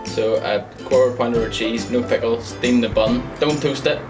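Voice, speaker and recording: A nineteen-year-old man with a Northern Irish accent, chatting casually in a relaxed way on a vlog. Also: medium pitch, moderate pace, far from the mic. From Northern Ireland, County Antrim. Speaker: student, co-host. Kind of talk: casual chat. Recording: off-mic, music behind.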